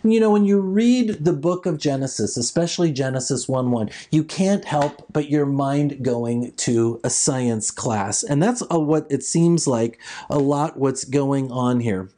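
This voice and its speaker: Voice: mid-range voice, warm tone. A preacher delivering a sermon with scripture readings, explaining ideas and often rephrasing them.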